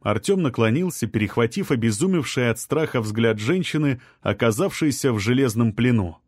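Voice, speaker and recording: In this scripted narration, a man narrates an audiobook at a steady, even storytelling pace. He speaks at a medium pitch, captured in clean studio sound without echo.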